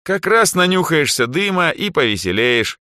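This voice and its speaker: A man's voice: on the high side, very animated, normal speed, dry recording, studio quality, voice pushed up. A man doing a bubbly teenage drow girl. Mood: cheerful, teasing. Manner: bright, bouncy and teasing.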